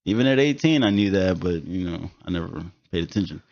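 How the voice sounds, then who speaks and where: A man in his thirties hosts a casual podcast, talking in an emphatic, profane storytelling way. His voice sits low. The recording is dull and lo-fi. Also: animated, fairly quick, a little mellow. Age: 30s. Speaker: podcast host.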